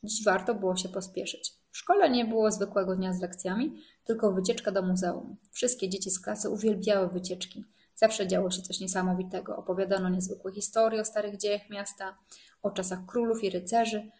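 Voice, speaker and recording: A woman reads a children's story aloud in a gentle, expressive storytelling voice. Her pitch sits in the middle range, and her delivery is clear and unhurried. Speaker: narrator.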